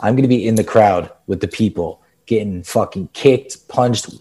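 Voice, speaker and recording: A man in casual podcast chat, excitable and quick to laugh, swearing casually. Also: fairly low pitch, husky. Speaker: podcast co-host.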